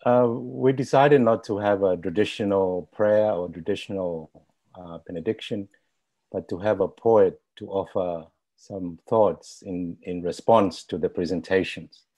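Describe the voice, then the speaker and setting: A man with a somewhat low voice speaks very slowly. He recites a poem in a measured, rhythmic way, offered as a benediction to close an online forum. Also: fairly even intonation, mellow. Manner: slow, measured poetic recitation. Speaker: stand-in poet.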